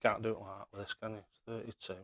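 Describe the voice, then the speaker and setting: A man's voice: lowish voice, level tone, fast talker, a bit bright, slight background noise. A man chatting casually on a live stream as he plays darts, matey and self-deprecating.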